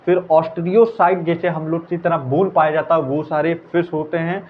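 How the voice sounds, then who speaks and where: A man teaching biology as a quick revision lecture, repeating answers and chatting casually with students. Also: a little high, steady tone. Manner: casual, repeats answers, calls listeners brother. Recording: tinny phone-like audio, faint hiss.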